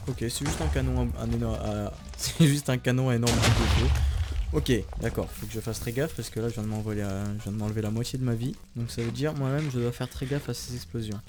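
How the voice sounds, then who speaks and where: A young man giving chatty, excitable commentary while playing a video game and talking to his viewers. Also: mid-range voice. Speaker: gaming YouTuber. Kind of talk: casual Minecraft let's play commentary. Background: background music.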